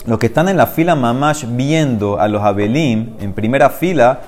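A man's voice: medium pitch, normal speed, a little mellow. A man teaching a Talmud class, reading each phrase of the text and then explaining it, and speaking directly to his listeners with emphasis.

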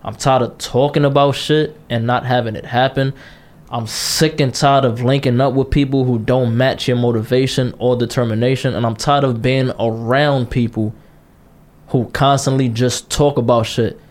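This man in his late twenties co-hosts a casual podcast, speaking bluntly and passionately, repeating himself and swearing freely. His medium-pitched voice is a little mellow, with fairly even intonation and a moderate pace.

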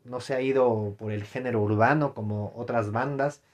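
A man's voice: mid-range voice, fairly even intonation, normal speed. Rambling Mexican man with slangy fillers. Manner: rambling, frequent fillers and self-corrections, slangy. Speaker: podcast host. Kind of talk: casual solo podcast commentary.

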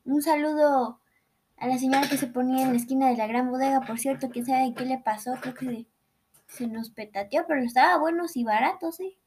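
A woman's voice: sits high, fairly quick, darkish tone, a little hiss or hum. A young Mexican woman rambling sarcastically through a playful, comedic explainer. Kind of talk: casual comedic explainer monologue.

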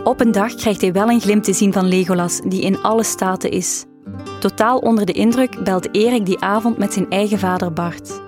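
A woman giving a documentary's scripted narration in a calm, even storytelling manner. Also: medium pitch, moderate pace. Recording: voice-over with clear guitar music behind.

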